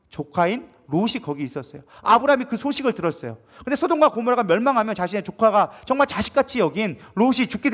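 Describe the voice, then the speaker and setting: A male pastor preaching at a prayer meeting, asking the congregation questions and acting out dialogue as he goes. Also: high-pitched. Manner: animated, asks the congregation questions and acts out dialogue. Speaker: co-lead pastor.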